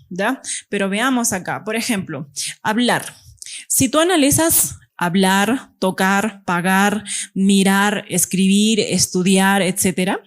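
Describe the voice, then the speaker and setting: Woman teacher checking understanding. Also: mid-range voice. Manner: explains step by step and checks understanding with "¿ya?". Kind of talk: classroom grammar lesson.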